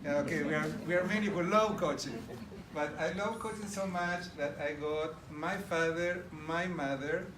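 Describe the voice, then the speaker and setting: A middle-aged Argentine man with an Argentine Spanish accent gives an enthusiastic presentation in a large room, speaking directly to the live audience. His voice is on the high side, at a moderate pace with few pauses. The audio is roomy and distant, with background noise.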